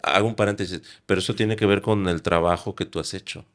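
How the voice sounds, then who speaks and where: A man's voice: deep voice, fairly even intonation, quick pace. A man hosting a podcast interview, asking reflective questions and prompting with tag questions.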